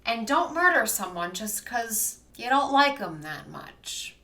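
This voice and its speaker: A woman's voice: fairly high pitch, very animated, slow, sharp tone, reverberant, distant mic, soft background music. A woman hosting a video essay, narrating casually with wry, joking asides.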